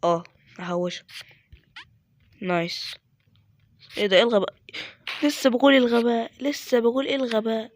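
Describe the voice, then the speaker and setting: A man's voice: extremely high pitch, a little fast, long pauses. Muttering Egyptian man gaming. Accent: Egyptian Arabic. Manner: mutters to himself, self-mocking, with sudden exasperated outbursts. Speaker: gaming YouTuber. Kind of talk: casual gameplay commentary.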